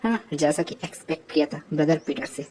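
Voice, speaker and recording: A woman's voice: deep voice, a little fast, a little mellow, a little hiss or hum, lightly acted. A woman reading a treacherous ambitious swordsman. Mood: cool.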